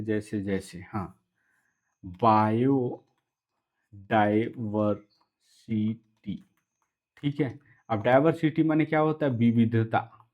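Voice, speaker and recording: Man, teacher, patient step-by-step explaining, repeats words, mid-pitched voice, slightly dull lo-fi sound. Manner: explains step by step, repeats key words, frequent "theek hai". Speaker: English teacher. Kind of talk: online class explanation.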